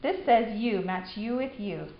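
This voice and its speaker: A young woman patiently teaching her son sight words, giving steady praise. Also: mid-range voice, unhurried, slight background noise. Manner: encouraging, patient, repetitive praise. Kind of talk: one-on-one reading drill. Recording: echoey room, slightly dull home video.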